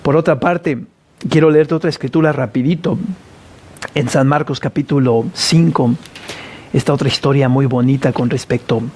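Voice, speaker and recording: A pastor preaching a sermon at a church service, reading scripture aloud with fervent conviction. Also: male voice, medium pitch, steady tone, normal speed, a little mellow, husky.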